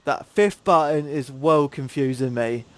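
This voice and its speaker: A man's voice: mid-range voice, a little slow, dry recording. A man from Cambridge with a southern English accent, hosting a gaming podcast in laid-back, slangy casual chat. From Cambridge, England.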